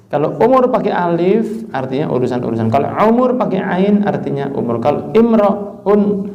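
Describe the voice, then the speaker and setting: A man preaching a religious study sermon, explaining verses word by word with lively asides. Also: high voice, normal speed. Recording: roomy, dull lo-fi recording.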